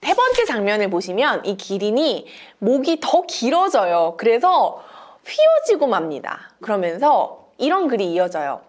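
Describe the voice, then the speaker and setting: A woman teacher presents a picture book in a lecture for fellow teachers. Her voice sits fairly high and rises and falls in lively arcs. She tells the story with animated, expressive energy. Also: a little slow.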